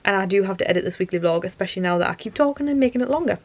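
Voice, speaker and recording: At home at night, a young woman who vlogs talks to camera in a loose, chatty monologue, weary and losing her voice, rambling and cutting herself off. Her mid-range voice is expressive, rapid-fire and a little mellow, though the audio sounds dull.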